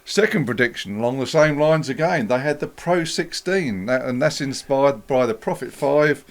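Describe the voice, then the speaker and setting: A man's voice: medium pitch, expressive, normal speed. A man co-hosting a casual gear chat, explaining things steadily, with many ums. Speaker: co-host.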